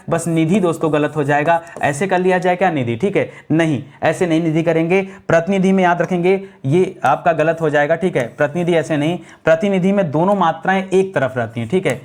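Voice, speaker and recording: A man's voice: a little high, brisk, few pauses. A man teaching an exam-prep spelling lesson, repeatedly quizzing his students with questions. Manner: repetitive quiz-style questions to students. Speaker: Hindi teacher.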